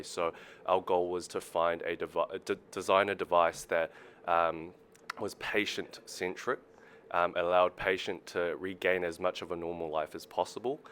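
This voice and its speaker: A man's voice: sits low, little pitch movement, normal speed, a bit bright, slight background noise. A man from the company introducing guest speakers at an event, hesitant with many ums.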